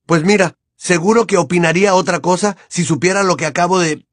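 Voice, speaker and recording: A man voicing a stubborn, desperate teenage boy wizard who shouts in heated defiance. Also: on the high side, fast, no room sound, studio quality, voice pushed up, lightly acted. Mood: angry, insistent.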